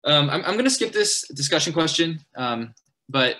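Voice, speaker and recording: A young adult man leading a church seminar for college students. He talks in a hurried, earnest way, with many fillers and restarts. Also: fairly high pitch, expressive, pushed and bright. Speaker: college ministry leader at a church.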